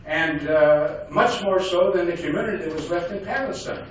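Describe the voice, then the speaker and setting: An older man giving a speech to a community audience, halting with many fillers and restarts. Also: high voice, a little hiss or hum. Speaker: guest speaker. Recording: echoey hall from far off.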